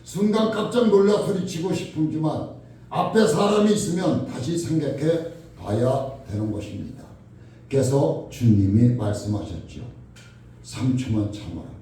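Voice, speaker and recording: A man preaching a sermon. He asks the congregation questions and acts out shouted quarrels. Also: a little high, animated, normal speed, a little hiss or hum. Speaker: pastor. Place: church sanctuary. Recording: echoey church hall from far off.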